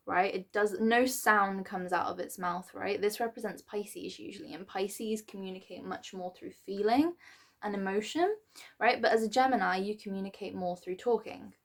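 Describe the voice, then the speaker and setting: A woman's voice: mid-range voice, moderate pace, gravelly. Chatty woman doing a tarot reading. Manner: chatty and rambling, with many fillers and restarts. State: clearing her throat now and then. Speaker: tarot reader. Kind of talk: casual tarot reading for a star sign.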